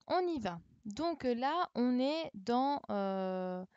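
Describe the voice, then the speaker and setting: Slow, patient woman teacher. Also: fairly high pitch, expressive, a little mellow, smooth, no room sound, muffled recording. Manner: patient, encouraging, repeats answers. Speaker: primary school teacher. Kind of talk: online class correction, speaking slowly to children. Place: home, remote livestream. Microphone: computer mic on a live stream.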